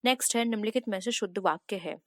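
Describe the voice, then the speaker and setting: A woman's voice: mid-range voice, quick pace, no echo, studio quality. A woman teacher working through exam practice questions, reading out each set of options and then patiently explaining the right answer.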